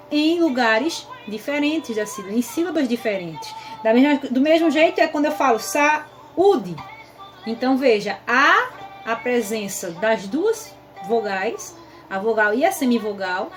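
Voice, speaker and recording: A woman's voice: high-pitched, a bit bright. A Brazilian woman teaching a grammar lesson to sixth graders in an affectionate, explanatory way, voicing her pupils' questions herself. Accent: Brazilian Portuguese.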